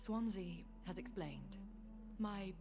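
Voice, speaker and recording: A woman's voice: mid-range voice, expressive, slow. An actress playing a poised, guarded aristocratic female vampire who speaks in formal, elegant phrases. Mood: composed. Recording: game audio with loud music underneath.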